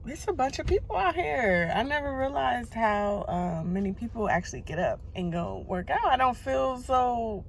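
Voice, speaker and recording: A woman's voice: a little high, very animated, moderate pace, creaky, few pauses, a little hiss or hum. Chatty young woman vlogging outdoors. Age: 20s. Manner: chatty, laughs often, talks to the camera. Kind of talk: casual vlog chat. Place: outdoors on a wooded trail.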